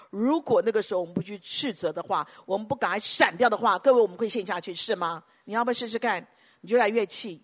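A woman pastor preaching a sermon emphatically, piling up repeated phrases and breaking into sudden loud bursts. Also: a little high.

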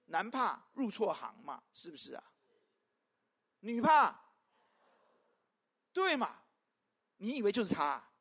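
A pastor preaching a sermon to a congregation, peppering it with rhetorical questions and swinging between loud emphatic calls and soft asides. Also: medium pitch, takes it slowly, long pauses, slightly rough. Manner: animated, constant rhetorical questions to the listeners.

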